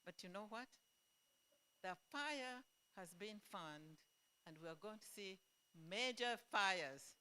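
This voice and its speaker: A middle-aged woman giving an earnest, emphatic speech to an audience as an event organizer, pausing often. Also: mid-range voice, lively intonation, pushed and bright, clear, resonant tone. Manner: slow, earnest and emphatic, with pauses.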